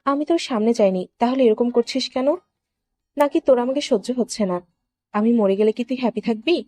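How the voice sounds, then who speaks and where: An intense, lovesick young man pleads through tears, as a woman narrator voices him. His voice sits a little high, recorded dry and close with no room sound. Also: brisk, dark tone, no room sound, lightly acted. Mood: tearful. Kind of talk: storytelling narration.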